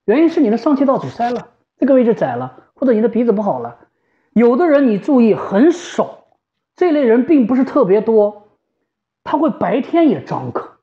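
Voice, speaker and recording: Fairly high in pitch, very animated, and fairly quick, a woman talks casually as a specialist, repeating phrases for emphasis. She is a home ventilator specialist who also serves as shop staff. The recording has a slightly dull, lo-fi quality.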